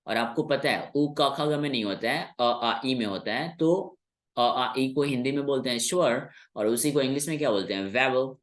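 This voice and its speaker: Speaking at a medium pitch, this man, whose native tongue is Hindi, walks a class through English sounds with patience, going back over key words slowly.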